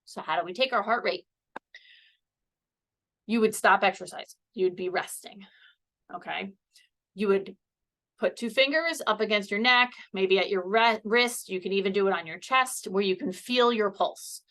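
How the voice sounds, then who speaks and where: A woman giving a relaxed health presentation while seated. She speaks chattily, with plenty of fillers, and her voice has a bright, forceful edge as she explains each step. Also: mid-range voice, moderate pace. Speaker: health educator. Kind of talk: casual instructional presentation. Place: seated indoors.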